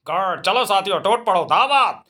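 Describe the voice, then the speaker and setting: A man voicing a pack of hungry, dim-witted hyenas with a slow, foolish drawl. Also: sits high, pushed and bright. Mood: greedy.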